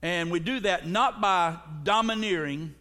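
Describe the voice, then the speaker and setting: Preacher guy, kinda high voice, cracking jokes at the congregation, big church echo. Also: measured pace, bright, forceful tone. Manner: humorous, calls out to the congregation. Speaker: pastor. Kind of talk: sermon. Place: church sanctuary. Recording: long echoing church reverb.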